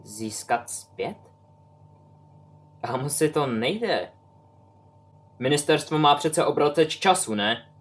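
A man's voice: on the high side, expressive, long pauses, slight background noise, close to an everyday voice. A man voicing a tired adult wizard who answers firmly and curtly. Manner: firm, curt.

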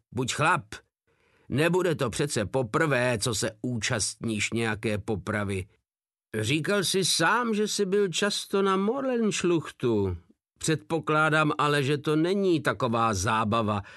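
A man's voice: mid-range voice, a bit bright, dry recording, studio quality, close to an everyday voice. A man voicing a huge, crude soldier who mocks and threatens coldly, read as an audiobook. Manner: coldly mocking, foul-mouthed.

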